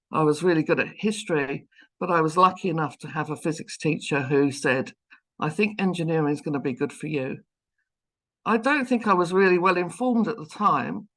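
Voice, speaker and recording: A London-born woman in her fifties, a professor appearing as a guest lecturer, gives an online seminar talk over a video call. She speaks with a London English accent in a low voice with a fairly bright tone, and her manner is chatty and self-deprecating.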